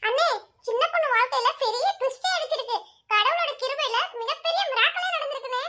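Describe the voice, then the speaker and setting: Brief: gushing cartoon girlfriend, shrill and quick, voiced by a woman. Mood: excited. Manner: excited, gushing. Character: excitable devout female friend, chatty.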